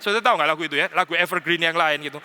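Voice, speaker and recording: Pastor, male, high and very bright voice, chatty sermon delivery with bits of playful mimicry, church hall echo. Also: very fast, clean tone. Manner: conversational preaching with English phrases and playful mimicry. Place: church sanctuary.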